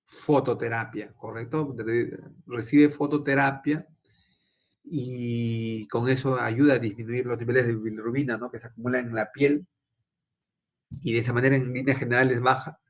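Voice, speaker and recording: A man's voice: medium pitch, steady tone, normal speed. A young adult man, a doctor teaching a physiology class, tells a personal story and quizzes his students, ending many phrases with "¿no?". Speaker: physiology lecturer and intensive care doctor. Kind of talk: informal lecture with personal anecdote.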